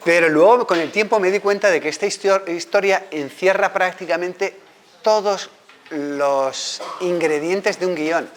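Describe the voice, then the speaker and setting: A filmmaker from Ceuta telling a comic story to a live audience, acting out the characters and teasing the listeners. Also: male voice, high-pitched, unhurried. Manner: animated, acts out characters, teasing. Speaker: filmmaker and screenwriting teacher.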